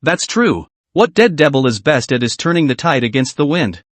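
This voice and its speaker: A man narrating an anime story recap in a lively, dramatic way. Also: a little high, normal speed, no echo.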